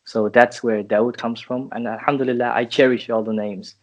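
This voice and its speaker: Man, twenties, from Finland, interview guest, thoughtful, halting. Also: medium pitch, fairly even intonation. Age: 20s. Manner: thoughtful, halting, with many restarts. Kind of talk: interview answers.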